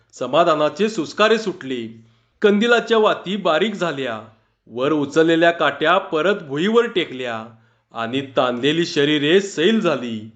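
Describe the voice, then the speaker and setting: Slow, measured male storyteller. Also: a little high, fairly bright tone. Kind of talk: reading a humorous short story aloud. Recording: dull lo-fi recording.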